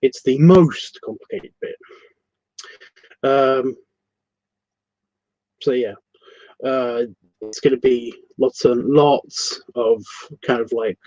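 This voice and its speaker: A man's voice: medium pitch, slow pace, pauses often, dark tone, dry recording. A man with a Scottish accent hosting a casual livestream art tutorial from his computer, rambling, correcting himself and swearing casually. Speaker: art class host. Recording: dry, slightly muffled lo-fi sound.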